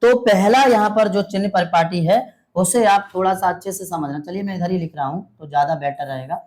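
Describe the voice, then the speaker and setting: A male science teacher giving a classroom lecture. He repeats each rule slowly, keeps asking the students quiz-like questions and calls them "beta" and "mere bhai". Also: high voice, darkish tone.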